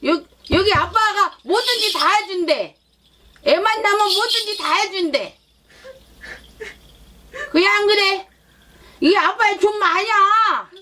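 A woman's voice: very high voice, takes it slowly, long pauses, heavily acted. A woman shaman voicing a sulky, demanding child spirit that whines, pouts and coaxes with repeated tag questions. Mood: whiny pouting. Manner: whiny, pouting, coaxing with repeated tag questions. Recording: loud noise with rattle.

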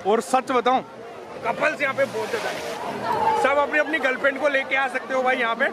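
A man's voice: very high voice, steady tone, normal speed, very noisy. Hyped young man vlogging at a crowded pool. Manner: loud, hyped, calls viewers "bhai". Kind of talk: excited vlog walkthrough. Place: crowded outdoor water park pool. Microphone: action camera held at arm's length. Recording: loud crowd and splashing.

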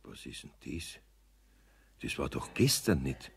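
A grumbling Bavarian master carpenter. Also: male voice, fairly low pitch, huge pitch swings, unhurried, a bit bright, exaggerated voice. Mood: worried muttering. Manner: grumbling, exclaiming to himself. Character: old master carpenter, gruff but caring. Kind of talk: radio play acting.

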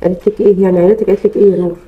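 A woman's voice: medium pitch, steady tone, very fast, husky, phone-quality sound. A woman with an Egyptian Arabic accent playing a mother who pleads and argues for her daughter. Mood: tender. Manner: pleading, insistent. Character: caring young mother, stubborn in arguments.

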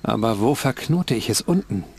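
An actor playing a young, earnest, dutiful bird catcher in a fantasy adventure game, musing to himself. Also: male voice, medium pitch, animated, moderate pace, darkish tone, slight background noise, close to an everyday voice. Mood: pensive. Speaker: game protagonist.

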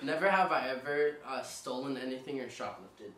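A young man hosting a casual game video with a friend, joking and teasing, quick to laugh. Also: mid-range voice, expressive, very noisy. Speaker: vlogger host. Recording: roomy and distant mic.

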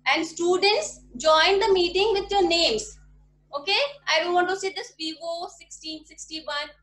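This woman, an Indian primary school teacher, has a very high-pitched, fairly bright voice. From a small room at home she teaches online, patiently going over questions again to check her pupils understand. Recorded through the laptop webcam mic on her desk, the sound is the echoey room audio of a video call.

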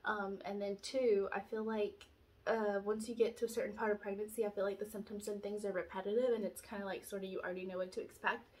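With a quick, level, darkish medium-pitched voice, a young vlogger rambles through a casual pregnancy update full of fillers, her nose stuffed up by allergies. She's indoors in a small home room, shot at chest level by a front-facing camera.

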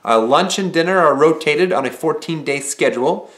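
A young man talking relaxed and conversational to the camera in a small living room, explaining things with casual filler phrases. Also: on the high side, normal speed. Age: young adult. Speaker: vlogger. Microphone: camera mic, head-and-shoulders framing.

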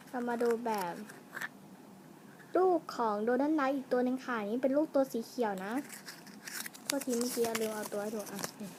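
At home, a toy and snack vlogger unboxes toys while chatting with her viewers, wandering off into musings mid-sentence and trailing off. Her voice is fairly high. The home camera recording has clear noise underneath.

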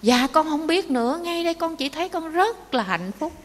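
A woman voicing a wealthy middle-aged man who begs and shouts in search of happiness. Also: medium pitch, expressive, moderate pace, in a large hall, lightly acted. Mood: overjoyed. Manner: pleading, then frantic shouting.

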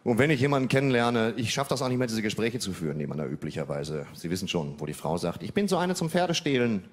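A man in his forties telling stand-up comedy stories in a dry, deadpan manner. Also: deep voice, quick pace, slight background noise. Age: 40s.

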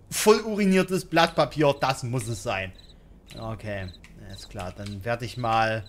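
A man's voice: fairly high pitch, a bit bright, slight background noise. A man giving casual, sarcastic and crude commentary while playing a video game, joking and talking back at the game. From Germany. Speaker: gaming YouTuber. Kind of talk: casual let's-play commentary.

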